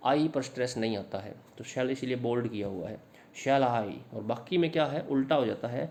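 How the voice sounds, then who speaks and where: A man who teaches English literature, explaining a sonnet in Hindi to students and reading English lines slowly. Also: medium pitch, mellow. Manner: explains in Hindi, slow English phrases read aloud; addresses students directly. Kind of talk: Hindi lecture on an English poem.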